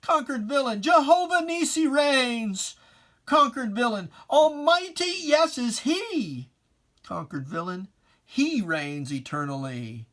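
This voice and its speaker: Reading religious verse dramatically and very unhurriedly, a poetry reciter uses old-fashioned diction and emphatic, solemn, declamatory phrasing. The medium-pitched voice is expressive and fairly bright.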